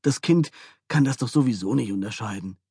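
A man's voice: medium pitch, expressive, a little fast, a little mellow, slightly rough, no room sound, studio quality. A man playing a sleepy, flustered expectant father woken in the night, exasperated. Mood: incredulous.

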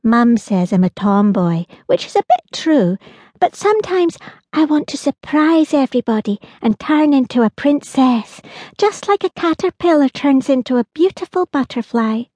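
A woman's voice: sits high, lively intonation, moderate pace, dry recording, pitched above the performer's own voice. Woman voicing an eager, urgent little girl. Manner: urgent, bright, pleading. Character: eager, excited young girl. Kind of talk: audiobook character voice.

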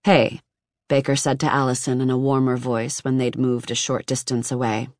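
An audiobook narrator giving a measured, even reading of nonfiction, recorded close in a booth. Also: mid-range voice, no echo.

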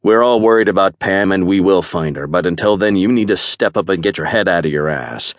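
A man voicing a blunt, wry male warrior with a forceful way of talking. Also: deep voice, expressive, normal speed, dry recording. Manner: blunt, snorting.

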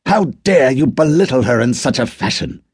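A man's voice: medium pitch, lively intonation, unhurried, mellow, dry recording, clean studio sound, pitched above the performer's own voice. A man voicing a grieving, proud older father who speaks stiffly and formally, and whose anger comes out as a hiss. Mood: furious. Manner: stiff formal speechmaking, turns to hissed fury.

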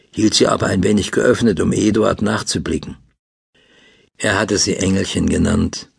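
A man narrating a classic novel as an audiobook, with a calm, measured, gravelly and husky voice. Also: on the low side.

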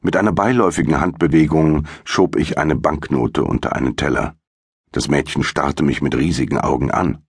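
A man narrating a first-person mystery audiobook in a measured, dramatic storytelling manner. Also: rumbling low, husky, no echo, studio quality.

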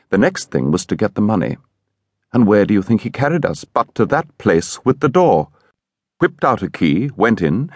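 In an audiobook, a man with a low-sitting voice and no echo plays an indignant English gentleman. He confides the story of a horrible incident, telling it vividly and with emphasis.

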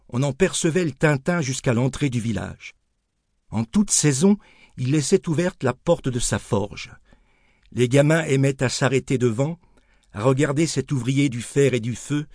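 A man narrating an audiobook in an expressive storytelling manner. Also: medium pitch, no echo, studio quality. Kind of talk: scripted narration.

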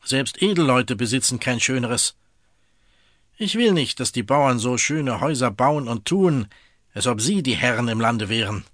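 A man's voice: mid-range voice, expressive, moderate pace, fairly bright tone, dry recording, clean studio sound. A man voicing a cruel, envious bailiff who speaks in an imperious, angry tone, in a storybook reading. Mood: domineering.

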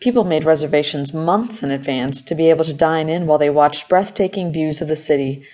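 A woman narrating an audiobook story in a measured, even manner. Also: sits low. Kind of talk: scripted narration.

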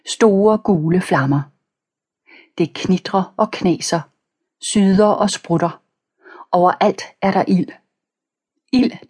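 A woman narrating a children's audiobook in the first person, calm and even, reading page numbers aloud. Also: fairly low pitch, husky. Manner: reads page numbers aloud between passages.

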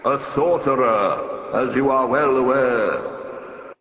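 A solemn, literal-minded Death for a fantasy audiobook. He speaks slowly and with deadpan weight, his implacable voice ringing in a long, hollow reverb with a slightly muffled top. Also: mid-range voice. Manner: deadpan, unhelpful, slow and weighty. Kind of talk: audiobook character voice.

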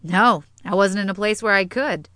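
A woman's voice: mid-range voice, normal speed, a bit bright, no room sound, clean studio sound, lightly acted. Woman reading a poised middle-aged businesswoman.

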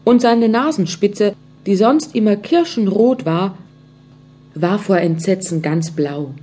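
A woman narrating a children's storybook audiobook, speaking gently and addressing young listeners directly. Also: medium pitch, slow, slightly rough.

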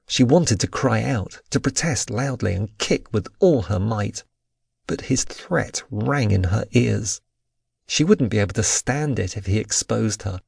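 A man narrating an audiobook, with expressive storytelling. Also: fairly low pitch, measured pace, vocal fry, breathy edge, no room sound, studio quality. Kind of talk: scripted narration.

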